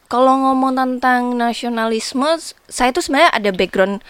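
A woman who grew up speaking Hokkien, telling personal stories in a casual, animated interview style, often repeating her phrases. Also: on the high side, unhurried, clean tone, no echo. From Indonesia. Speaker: interview guest.

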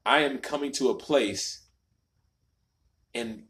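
A man's voice: mid-range voice, takes it slowly, a bit bright. A man co-hosting a casual chat from a home garage, telling stories with emphatic asides. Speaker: podcast co-host.

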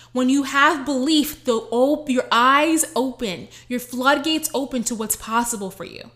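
A woman life coach giving a casual motivational talk, blunt and animated, with frequent swearing. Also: sits high.

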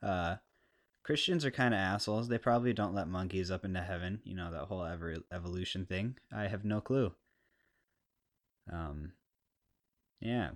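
A man with a harsh stoner skater voice, rambling casually and unscripted through a solo podcast with crude, self-deprecating humor, clearly recorded on a podcast mic. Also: low voice, normal speed, long pauses. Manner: laid-back, rambling and unscripted. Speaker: podcast host. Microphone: podcast microphone, clean close sound.

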